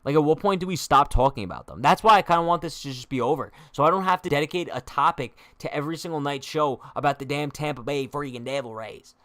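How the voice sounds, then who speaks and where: A man's voice: a little high, expressive, fast talker, hardly any pauses, a bit bright, dry recording, clean studio sound. A young man hosting a live-stream sports chat, trash-talking in a joking way, heavy on slang, and reading viewer comments aloud. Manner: slangy, says "bro" a lot. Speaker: sports show host.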